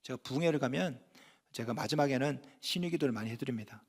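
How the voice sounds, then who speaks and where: A man's voice: mid-range voice, fast talker, darkish tone, breathy edge. A middle-aged male pastor preaching a sermon in a folksy, conversational way, with rhetorical questions to the congregation. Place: church sanctuary. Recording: long hall reverb.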